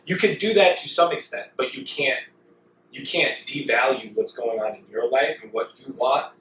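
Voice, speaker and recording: A man co-hosting a podcast, speaking in a measured, reflective way and often clearing his throat. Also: medium pitch, a bit bright, recorded from a distance, a little hiss or hum. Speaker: podcast co-host. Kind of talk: casual chat. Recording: echoey room, off-mic with faint ambience.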